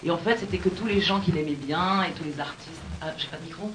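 A woman singer-songwriter telling stories in a casual radio interview, talking in an animated, halting way with many restarts. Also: low voice, background noise.

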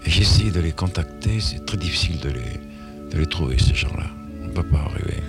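A man's voice: rumbling low, expressive, a little fast, vocal fry, over music. A man being interviewed as a musician, talking in a rambling, indignant way with many restarts and asides.

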